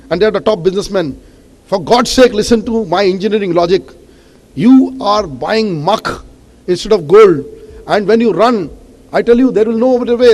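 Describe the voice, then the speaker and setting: A man with an Indian English accent giving an impassioned stage speech as awards host, warning forcefully and often adding "you know". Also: sits high. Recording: long hall reverb.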